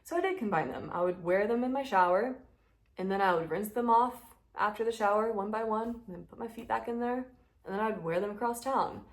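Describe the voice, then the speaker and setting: A woman's voice: mid-range voice, brisk. Chatty woman vlogging on phone. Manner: chatty, animated, joking, big-sister tone. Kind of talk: casual chat to camera. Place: at home indoors.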